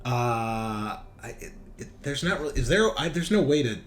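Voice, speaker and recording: Running a tabletop game on a headset voice call, this game master has a mid-range voice, lively intonation and a moderate pace. His chat is casual, full of repeated phrases as he reasons aloud. Background noise can be clearly heard.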